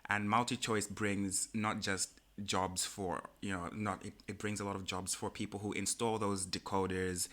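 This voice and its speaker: A man co-hosting a podcast in casual chat, who gets animated and jumps high in pitch when he quotes people. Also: normal speed, few pauses. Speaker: podcast co-host.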